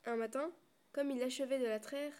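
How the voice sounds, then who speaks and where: A woman reads a storybook aloud at a steady pace, stumbling and restarting now and then. Her voice sits a little high. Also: brisk. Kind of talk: storybook reading.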